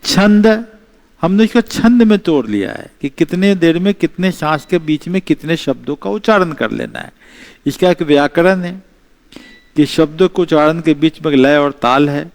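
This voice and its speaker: A man giving an exam-prep history lecture, explaining slowly, repeating key terms and mixing in English phrases. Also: fairly high pitch, creaky, darkish tone. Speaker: teacher.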